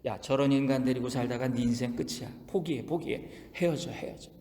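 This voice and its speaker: Brief: scheming Satan hissing coaxing temptations, as a preacher puts him on, hall echo behind. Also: male voice, medium pitch, a little fast, mellow, pitched below the performer's own voice, lightly acted. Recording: long reverb of a large hall.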